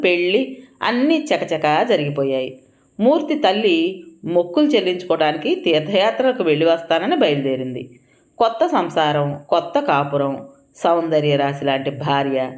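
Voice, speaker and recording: A woman narrating a comic story in a playful, lively way. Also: low voice.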